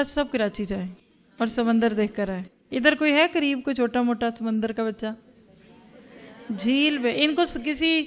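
Woman, religious teacher, earnest, questioning, slightly high voice. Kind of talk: Quran lesson to a women's class.

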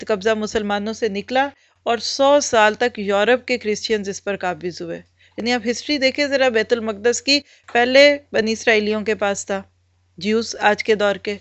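A woman's voice: on the high side, fairly bright tone, no room sound. A woman giving an Islamic religious lecture, explaining step by step and posing rhetorical questions that she answers herself. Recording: muffled lo-fi recording.

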